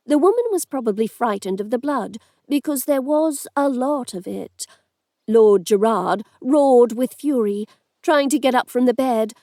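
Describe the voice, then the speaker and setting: A woman narrating an audiobook in a steady, measured reading voice. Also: a little high, no echo, studio quality. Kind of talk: scripted narration.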